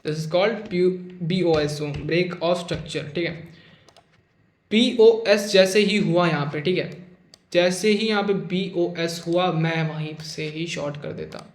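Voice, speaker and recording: A man's voice: on the high side, takes it slowly, echoey room. A man teaching trading over a chart in a casual, chatty way, often checking in with "okay" and calling his listeners "brother", with a joking, teasing edge. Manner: jokey, teasing about losing traders. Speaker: trading instructor. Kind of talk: casual screen-share chart lesson.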